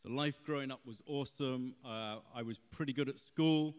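A man's voice: medium pitch, moderate pace, clear, resonant tone, long reverb tail. A man, a church interview guest telling stories with a playful, joking manner. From London, England.

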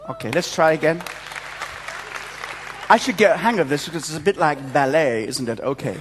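A man's voice: a little high, moderate pace, a faint crowd, slight background noise. A man leading church notices at a pulpit microphone, joking and chatty as he talks to his congregation. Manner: jovial, self-mocking, chatty. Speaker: church service leader giving announcements. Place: large church hall. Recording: long church hall reverb.

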